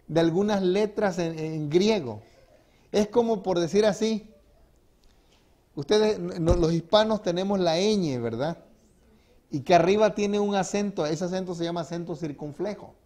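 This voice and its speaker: A pastor preaches in a fairly high voice to his congregation. He swings between emphatic, rising phrases and quieter drops, and he keeps asking the room rhetorical questions. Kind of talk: sermon. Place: church sanctuary.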